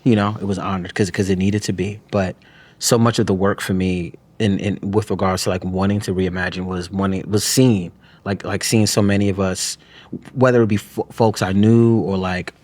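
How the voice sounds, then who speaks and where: A guest author and poet from New York, USA, talks reflectively in an interview with a low-pitched, steady, darkish voice. He speaks haltingly, restarting often and filling gaps with "you know what I'm saying."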